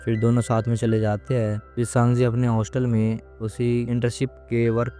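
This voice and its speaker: Man narrating a drama recap, dark mellow tone, faint music underneath. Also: medium pitch, normal speed. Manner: steady retelling with small slips and restarts. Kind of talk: casual storytelling recap.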